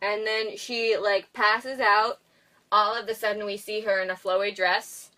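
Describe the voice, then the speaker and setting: A woman's voice: mid-range voice, little pitch movement, measured pace, sharp tone, recorded from a distance. A woman casually reviewing a movie in a chatty, giggly way, full of fillers. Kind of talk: casual chat.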